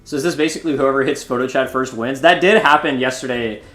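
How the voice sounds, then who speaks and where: A young man in his twenties runs a live stream of a card game, talking in a loose, joking, chatty way to his viewers. His voice sits at an ordinary middle pitch and rings a bit in a roomy space. Faint music plays underneath. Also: fast talker, a bit bright. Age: 20s. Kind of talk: casual live-stream commentary.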